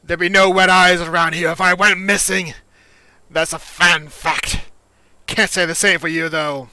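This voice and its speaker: A man voicing a cynical, self-deprecating male companion in a tabletop game, in a wry, gruff manner. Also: sits high, fairly even intonation, a little slow, sharp tone, no echo, pitched above the performer's own voice, full character voice. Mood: bitter.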